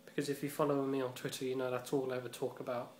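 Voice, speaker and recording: A man's voice: medium pitch, flat delivery, quick pace, a little mellow. A man rambling through a casual vlog monologue, swearing freely and leaning on fillers like "you know" and "um". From Britain. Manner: rambling and profane, heavy on fillers. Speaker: vlogger. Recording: echoey room with faint ambient noise.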